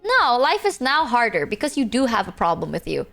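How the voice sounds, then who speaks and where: A woman livestreamer chatting casually with viewers in a cute, expressive, playful anime-streamer manner. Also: a little high, brisk, vocal fry, soft background music.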